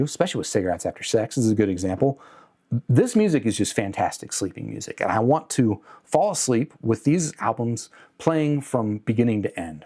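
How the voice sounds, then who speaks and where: A man with a fairly low, mellow voice presents a product review off the cuff. He sounds conversational and candid, leaning mildly critical.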